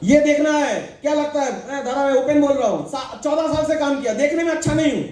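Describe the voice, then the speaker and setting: A middle-aged man with a very high-pitched voice delivers a preachy motivational talk to an audience. He keeps asking the crowd questions and slips jokes in between. The sound rings out across a big, strongly echoing hall. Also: brisk, a little mellow, recorded from a distance. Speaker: motivational speaker addressing a sales team. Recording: very echoey hall.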